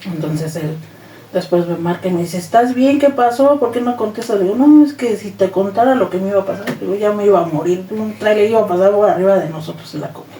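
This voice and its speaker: A woman with a Mexican accent, a guest telling her personal testimony in a lively way and acting out the dialogue she quotes. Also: medium pitch, fast. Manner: animated retelling, acts out quoted dialogue. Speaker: interview guest. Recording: roomy echo, distant mic, faint noise.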